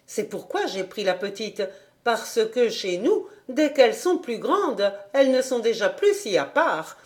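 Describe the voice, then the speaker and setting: A woman's voice: fairly high pitch, sing-song, unhurried. A woman voicing an eager young country woman who chatters deferentially to her superior in a storybook reading.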